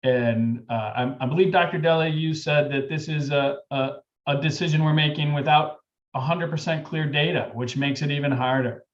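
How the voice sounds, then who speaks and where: A man chairing a public meeting, speaking in a polite, formal and halting way without a script. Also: a little high, fairly even intonation. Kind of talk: unscripted public meeting remarks. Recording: slightly dull, lo-fi meeting audio.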